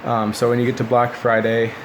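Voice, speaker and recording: A man's voice: medium pitch, monotone, a little fast, noisy background. A man in his twenties telling stories casually in a laid-back, rambling way, recorded on a phone indoors. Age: 20s. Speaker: former military recruit recounting boot camp. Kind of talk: casual rambling storytelling to camera. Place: small living room indoors, seated by a window. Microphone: phone at arm's length.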